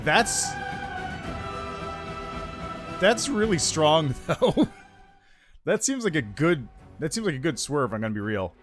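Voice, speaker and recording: A man's voice: a little high, expressive, takes it slowly, long pauses, soft background music. A man chatting casually with viewers on a livestream through a headset mic, greeting them and reading chat aloud between gaming remarks. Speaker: streamer.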